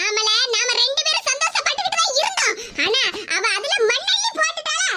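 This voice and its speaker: A voice actor playing a scheming older village mother-in-law in a cartoon, gloating and scolding loudly. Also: very high-pitched, sing-song, a little fast, faint music behind, heavily acted. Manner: gloating and scolding, loud complaints. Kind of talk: cartoon voice acting. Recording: loud background hiss.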